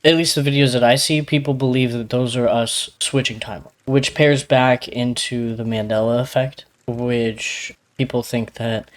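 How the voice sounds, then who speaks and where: A man's voice: medium pitch, steady tone, moderate pace, few pauses. A man co-hosting a podcast, with a slight lisp, explaining things in a rambling, hedging way full of fillers. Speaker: podcast co-host. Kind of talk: casual podcast chat.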